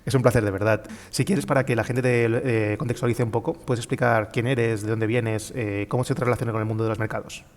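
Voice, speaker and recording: A man's voice: mid-range voice, steady tone, fairly quick, few pauses, big-room sound. A man hosting an interview on his trading channel, introducing his guest and asking questions in a friendly, casual way. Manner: friendly, brief backchannels.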